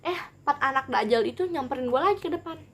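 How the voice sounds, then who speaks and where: A woman's voice: sits high, fast. Chatty young woman with slang. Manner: animated, rambling, acts out every quote. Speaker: vlogger. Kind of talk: casual storytime vlog.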